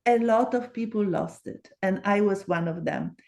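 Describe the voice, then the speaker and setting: A woman's voice: mid-range voice, moderate pace, gravelly, darkish tone. Earnest older woman with phrasing. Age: 70s. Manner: earnest, repeats words for emphasis, non-native phrasing. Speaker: guest researcher. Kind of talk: casual interview talk.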